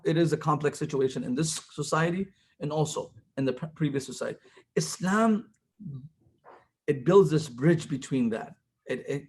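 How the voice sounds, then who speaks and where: Husky man telling religious stories. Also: fairly high pitch, darkish tone. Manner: retells stories with quoted speech, rising to emphatic passages; mixes Arabic phrases and verses into English. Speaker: speaker at a college Islamic study circle. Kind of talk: storytelling religious talk.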